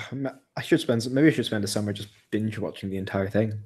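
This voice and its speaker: A podcast co-host in his young adult years speaks on the low side, husky and a little mellow, talking fast. He rambles through casual chat, chatty and self-deprecating, laughing often.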